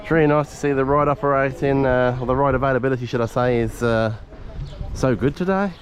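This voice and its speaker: A man's voice: mid-range voice, fast. A man giving chatty, appreciative casual vlog commentary as he goes around outdoors. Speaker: vlogger. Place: outdoors at a theme park zoo. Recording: noisy outdoor recording with vehicle sounds. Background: loud outdoor ambience.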